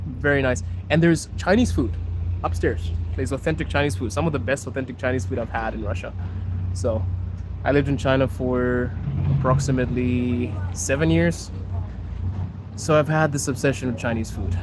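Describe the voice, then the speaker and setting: A man's voice: medium pitch, fairly even intonation, moderate pace. A man from Zimbabwe live-streaming as he walks outdoors, chatting casually and reading viewer comments aloud. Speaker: streamer and podcast host. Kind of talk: live-stream walking chat. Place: outdoors on city streets. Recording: noisy outdoor street recording. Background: traffic and street noise.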